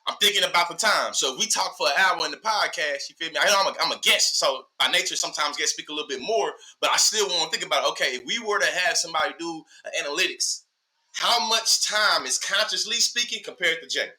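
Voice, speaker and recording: A Southern-accented social media educator from Texas, in his early thirties, speaks quickly in a highish voice as a podcast guest. The talk is casual and opinionated, delivered in animated, slangy rhetorical bursts with frequent checks that the listener follows.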